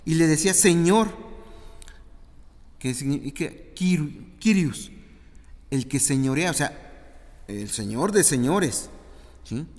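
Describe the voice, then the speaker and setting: A man's voice: fairly high pitch, animated, slow, pauses often, darkish tone. A man with a Mexican Spanish accent preaching a sermon in a church, acting out the voices of Bible figures as he tells them. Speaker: pastor. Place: church hall. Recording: reverberant church hall.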